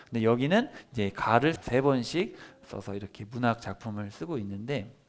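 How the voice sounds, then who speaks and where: A man's voice: medium pitch, animated, moderate pace. Man preaching a children's Bible sermon. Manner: asks the congregation questions, acts out laments in quoted speech. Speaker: pastor.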